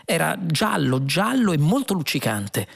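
Gravelly male audiobook narrator. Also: a little high, big pitch swings, measured pace. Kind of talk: scripted narration.

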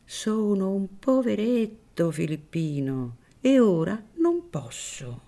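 A woman reading aloud voices a crafty, scheming male priest, drawing out her words slowly. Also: mid-range voice, sing-song, mellow, pitched above the performer's own voice. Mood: sly.

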